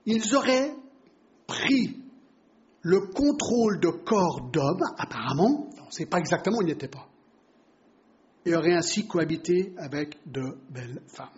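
High-voiced man teaching the Bible. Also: big pitch swings, measured pace, long pauses. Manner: explanatory, asks the listeners rhetorical questions. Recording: dull lo-fi recording.

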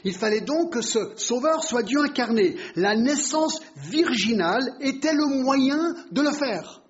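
High-voiced man teaching the Bible. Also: lively intonation, measured pace. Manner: explanatory, asks the listeners rhetorical questions. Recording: dull lo-fi recording.

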